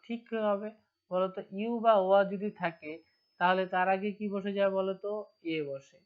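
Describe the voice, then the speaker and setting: A woman's voice: mid-range voice, fairly even intonation, normal speed. Bengali woman teaching English grammar. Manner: asks students questions and answers them herself. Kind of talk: online grammar lesson. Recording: dull lo-fi recording.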